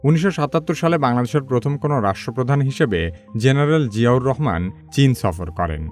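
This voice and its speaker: A man narrating a scripted news explainer in a measured, even way, his sentences dropping low at the ends. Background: faint background music.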